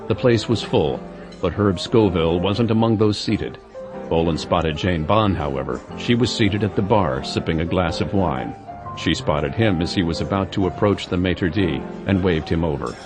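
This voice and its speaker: Male narrator, low register, scripted fiction narration over clear background music. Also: normal speed.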